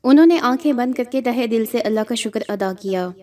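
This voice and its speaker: Woman reading out a spooky story, slow and steady, mellow tone. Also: on the high side. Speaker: narrator. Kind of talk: storytelling narration.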